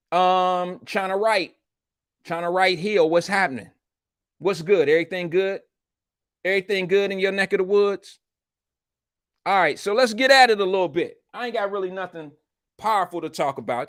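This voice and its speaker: A man with a fairly high voice hosts a casual livestream. He speaks with a retainer in his mouth, in blunt, slangy and profane chat aimed at his viewers. The sound is dry, with hardly any room on it. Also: no echo. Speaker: live show host.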